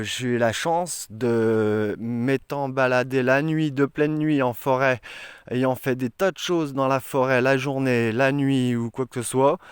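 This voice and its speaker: A man's voice: mid-range voice, clean tone, no echo, studio quality. A man vlogging outdoors in a forest, talking earnestly and rambling with many hesitations. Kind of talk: casual vlog talk to camera.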